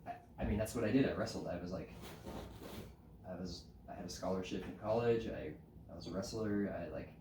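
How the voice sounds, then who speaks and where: A man with a lowish voice, a podcast guest from the United States, recounts his story casually and with a lively, laughing energy. He sits a little off the microphone in a roomy space. Faint background noise sits under the voice. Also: fairly quick, distant mic. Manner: animated, often laughing, frequent "like" fillers. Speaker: podcast guest, climbing route setter.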